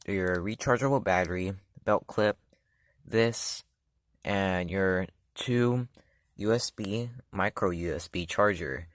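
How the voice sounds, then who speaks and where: This channel host's voice sits low, captured with studio quality and no echo. He reviews a gadget in a casual, chatty walkthrough of its setup, step by step, frequently letting sentences fade out with "so, yeah."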